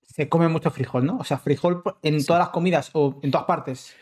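Male podcast host, slightly higher voice, asks questions with false starts. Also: steady tone, a little mellow. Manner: asks questions in halting restarts. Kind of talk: casual chat.

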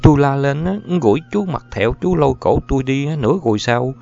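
A cool, unbothered young village girl, as a male storyteller puts her on, answering back in a quick, glib voice. The recording is dull and lo-fi. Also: medium pitch, expressive, vocal fry, mellow, voice pushed up. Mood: cheeky.

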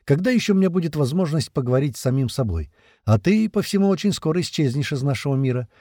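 A man voicing a calm, wistful male figure in an audiobook. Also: on the high side, fast, dry recording, studio quality, voice pushed up. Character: wistful man, the hero's other self.

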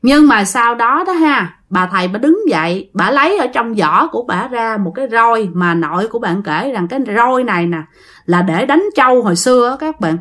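A woman's voice: on the high side, lively intonation, moderate pace, fairly bright tone. A woman telling a ghost story in a chatty way, addressing her listeners directly.

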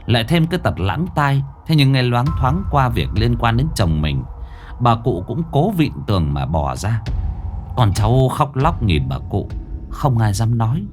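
A man narrating a ghost story in a dramatic, expressive reading. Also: mid-range voice, a little slow, soft background music. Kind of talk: scripted horror narration.

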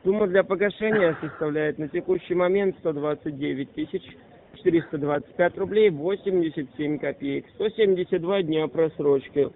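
Higher-voiced debt collector guy on a tinny phone, officious and needling. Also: normal speed, creaky.

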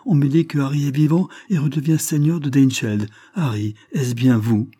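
A shy young lady of the manor, flustered and short of breath, her voice lifted high and bright over a mellow, husky base, as a male reader puts her on. Every line comes out as a confused, tumbling question. The read is close and dry, with no room around it. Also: normal speed, natural voice. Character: young noblewoman, timid and flustered. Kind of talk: audiobook character reading.

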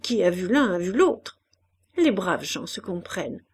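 A woman reading aloud and voicing a poor, bedridden old woman who flatters and prays without pause, in a storybook reading. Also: lowish voice, husky, heavily acted. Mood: wheedling. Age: older. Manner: fawning, pious, chattering.

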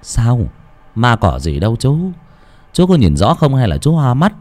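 A man voicing a respectful young villager who calmly reassures an older man. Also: mid-range voice, measured pace, faint music behind. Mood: reassuring.

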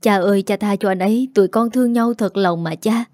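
A devoted young village woman from a spoken story, earnest and soft-spoken, as a woman reads her. The voice is warm and mellow, recorded dry and close. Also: medium pitch, brisk, dry recording, natural voice. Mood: pleading.

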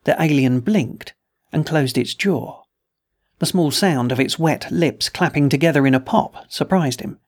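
A man hosting a podcast, reading a short story and closing notes in a steady scripted narration. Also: fairly high pitch. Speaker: podcast host.

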